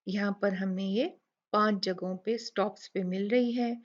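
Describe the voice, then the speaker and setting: Slow, patient woman teaching recitation. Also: medium pitch, steady tone. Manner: patient, repeats words slowly and asks rhetorical questions. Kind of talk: slow explanatory lesson with recited examples. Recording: dull lo-fi recording.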